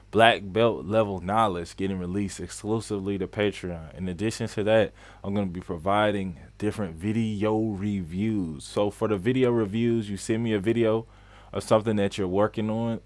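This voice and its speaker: A man's voice: fairly low pitch, darkish tone, no echo. Chatty young man hosting a live stream. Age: 20s. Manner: chatty, repeats phrases for emphasis; greets viewers by name mid-flow. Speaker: skate coach and live-stream host.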